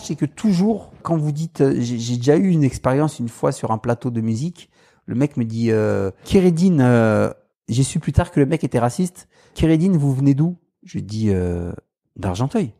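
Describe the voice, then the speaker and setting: Speaking at a normal speed in a voice on the high side, this guest, who carries a Paris suburban accent from France, spins animated anecdotes in casual conversation. He imitates the voices of the people in his stories and laughs a lot.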